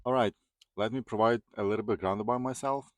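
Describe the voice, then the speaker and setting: A Ukrainian man in his thirties, a truck driver who vlogs, tells viewers his personal story in a Ukrainian accent, his first language being Ukrainian or another non-English tongue. His voice is on the low side and fast, the recording dry with faint music behind.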